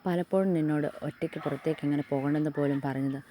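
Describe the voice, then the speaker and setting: A woman voicing a devoted young husband in an audio love story, speaking softly and earnestly. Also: low voice, fairly even intonation, quick pace, slight background noise, lightly acted. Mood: tender.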